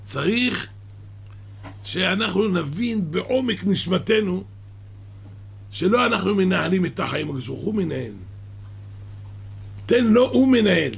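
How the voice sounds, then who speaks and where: A man giving a sermon that explains a midrash, halting and restarting his words and coughing now and then. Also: high-pitched, animated, vocal fry, husky. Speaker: religious teacher.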